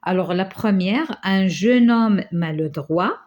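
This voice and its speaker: A woman teaching a grammar lesson to schoolchildren, reading out examples slowly and hesitating often. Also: medium pitch, a little mellow, muffled recording. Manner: slow, stretches example phrases, frequent hesitations. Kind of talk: grammar lesson correcting exercises.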